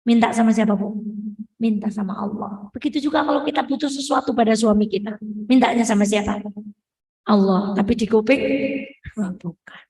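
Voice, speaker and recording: A woman preacher giving a lively sermon to women, quizzing her audience and playfully acting out quoted prayers and dialogue. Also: a little high, a little fast, vocal fry, rough recording.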